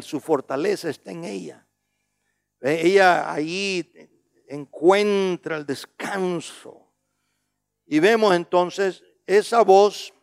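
A male preacher giving a sermon, who keeps asking "¿ve?", slows down on key words and swings between loud emphatic lines and quiet low asides. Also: creaky. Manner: repeats a questioning "¿ve?" between points.

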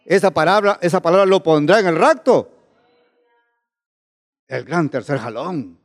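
A man's voice: a little high, lively intonation, measured pace, long reverb tail. A male preacher delivering a sermon and questioning his listeners over and over. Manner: questioning the congregation with repeated tag questions.

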